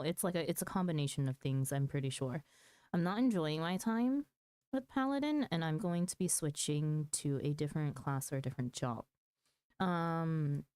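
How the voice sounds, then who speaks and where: On a gaming livestream, a woman talks casually, hesitating and thinking out loud as she weighs her options. Her deep voice is darkish, clear and resonant, with no room sound in the recording.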